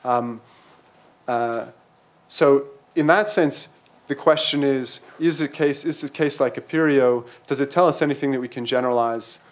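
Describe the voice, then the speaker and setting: A middle-aged man speaking at a conference panel, halting and full of fillers and restarts, into a table microphone in a lecture hall. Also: mid-range voice. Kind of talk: academic conference talk. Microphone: table mic on stand.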